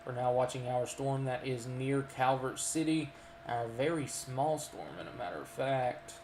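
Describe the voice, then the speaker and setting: A man's voice: mid-range voice, measured pace, a little mellow, reverberant, a little hiss or hum. A man with a Kentucky accent giving live storm radar commentary, folksy and full of ums and uhs as he lists towns. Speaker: storm chaser and weather streamer.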